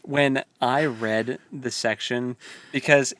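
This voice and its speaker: A man with a mid-range, fairly bright voice speaks slowly and with fairly even intonation. He co-hosts a book read-along podcast, chatting casually about the book and retelling scenes in an informal, jokey way, acting out the dialogue.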